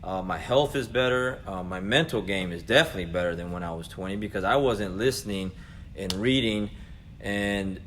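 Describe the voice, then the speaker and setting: With a lowish, fairly bright voice and a moderate pace, this American man in his forties speaks directly to his audience as a jiu-jitsu coach and vlog host. His motivational talk is casual, earnest and conversational, over clearly noisy ambient sound.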